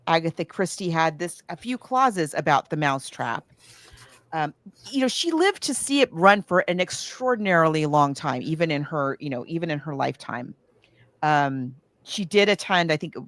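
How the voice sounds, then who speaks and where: Fairly low in pitch and recorded without echo, an American woman co-hosts a podcast discussing books and films. She tells her stories in a loose, conversational manner, often backtracking as she goes.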